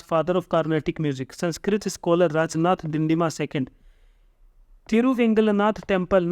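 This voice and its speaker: A young man teaching an exam-prep history lesson, reading notes slowly, then explaining them quickly and stumbling over hard names. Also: high voice, darkish tone, dry recording, studio quality. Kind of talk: lecture reading notes aloud, explaining in mixed Hindi and English.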